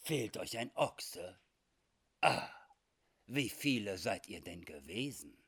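A man playing a loud, sneering outlaw boss, scornful and menacing. He pushes the lines raised and forceful, with lively swings, in a read-aloud adventure story. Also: sits low, slow, husky, heavily acted. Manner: scornful, threatening. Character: sneering rough male cattle-thief leader.

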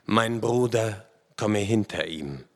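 A calm, dignified Apache chief , as a male narrator puts him on, speaking slowly and solemnly from a little off the mic. The voice is gravelly and low-key, with a long hall reverb behind it in a storybook reading. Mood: calm commanding. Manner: quiet, solemn, measured.

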